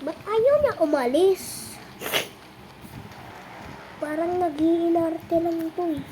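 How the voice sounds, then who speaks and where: A gameplay streamer giving casual, excitable commentary with teasing chatter and frequent exclamations. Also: very high voice, slow, noisy background.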